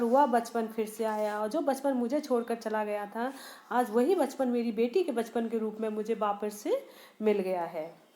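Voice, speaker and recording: A woman teacher with a high voice explains a poem to her students. She rephrases each line and often restarts it. She keeps asking what a word means and then answers the question herself. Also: a little mellow. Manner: repeats and rephrases lines with small restarts. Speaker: Hindi teacher.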